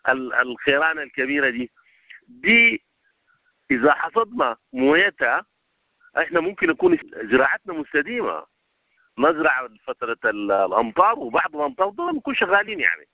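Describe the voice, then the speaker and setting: A man's voice: mid-range voice, no room sound, dull audio. A man with a Sudanese Arabic accent, an agricultural expert answering radio interview questions at length.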